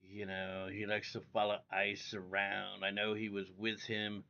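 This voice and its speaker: Male streamer, toothless slack diction, heavy fry, profane rambling chat, dull lo-fi sound. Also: lowish voice, monotone, a little slow, pushed and bright. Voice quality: toothless, slack articulation, upper teeth missing. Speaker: livestream host. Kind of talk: rambling casual livestream chat.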